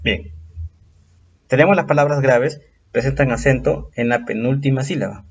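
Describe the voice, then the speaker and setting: A man teaching a recorded exam-prep lesson, patiently explaining step by step and drawing out example words slowly. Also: mid-range voice, slightly rough, muffled recording.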